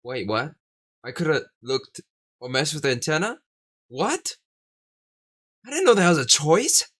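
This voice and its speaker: This gaming YouTuber narrates a playthrough, reading the on-screen text aloud and rambling with plenty of fillers. His voice is fairly high, a bit bright, and a little slow, with pitch that swoops wildly. Soft music plays in the background.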